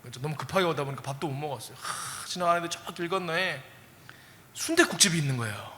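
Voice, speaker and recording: A man preaching a sermon as a pastor, telling a story in an animated way and asking the congregation questions. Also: fairly high pitch, fast talker, big-room sound, a little hiss or hum.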